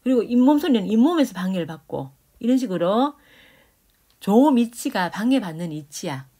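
At a normal pace, a woman with a mid-range, warm and animated voice lectures on the phonetics of Korean grammar. She voices consonants as examples, explains how the sounds work, and checks in with her students.

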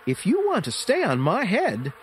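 Squeaky little clever mouse. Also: male voice, wildly swooping pitch, moderate pace, slight background noise. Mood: insistent. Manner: squeaky, pleading. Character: small clever male mouse, quick-witted. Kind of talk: storybook read-aloud.

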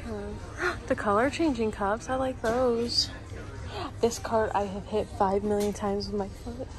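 Filmed on a handheld phone camera inside a big retail store, this casual shopping vlog features a young woman musing out loud about shelf items. She speaks a little slowly in a fairly high pitch, while the store's music plays overhead in the background.

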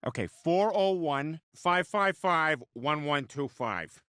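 A bossy, stammering cartoon dad in a sitcom, with a high, bright voice that swings all over. The sound is dry and close. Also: male voice, lively intonation, takes it slowly, smooth, dry recording. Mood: cheerful. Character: loud goofy middle-aged cartoon family dad. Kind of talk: animated sitcom dialogue.

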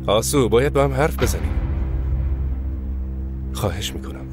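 Man dubbing a remorseful young man, pleading, lively intonation, loud music. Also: mid-range voice, close to an everyday voice. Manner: pleading, turns angry. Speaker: dub actor. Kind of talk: Persian drama dubbing. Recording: studio dub with loud music.

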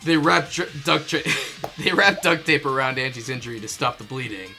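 Bright and forceful, this mid-range voice with lively intonation belongs to a fandub performer reading through a game script with commentary, faint music behind. Scripted narration alternates with casual joking, playful asides and ready laughter.

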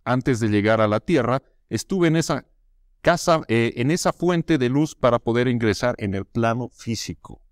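A man's voice: mid-range voice, normal speed, no room sound, studio quality. Playful man hosting a casual chat. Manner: relaxed, playful, addresses viewers directly. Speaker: co-host. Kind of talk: casual chat, reading from a book.

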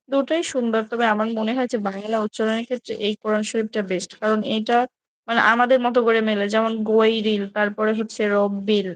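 A woman speaks, her talk hesitant and full of fillers. Her pitch stays flat and level through the casual explanation. When she reads verses, she slows into a long, drawn-out chant. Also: dry recording, low-quality recording. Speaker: video creator comparing Quran editions. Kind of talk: casual explanation with slow recitation.

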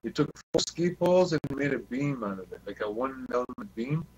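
This man's mid-range voice is animated and a little fast, with a lo-fi sound. He's a CB radio hobbyist swapping repetitive, profanity-laced stories in casual chat over an online group call full of noise and hum.

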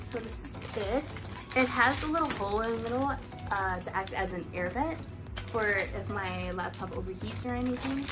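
A young woman in her twenties chatting through a casual unboxing vlog, upbeat and thinking aloud, filmed by a camera in front of her in a living room. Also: fairly high pitch. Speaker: vlogger. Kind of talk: casual product haul vlog. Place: living room at home, indoors. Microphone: camera in front at table distance.

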